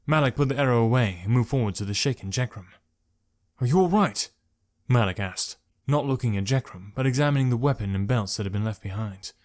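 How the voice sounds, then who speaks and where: Guy reading an audiobook chapter, steady mid-pitched voice. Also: quick pace, hardly any pauses. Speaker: narrator. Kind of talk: scripted narration.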